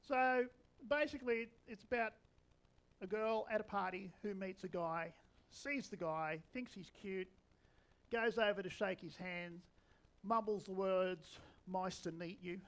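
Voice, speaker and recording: A man's voice: sits high, a bit bright, poor audio. A man in his sixties, a preacher giving a conversational sermon with wry humour. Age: 60s.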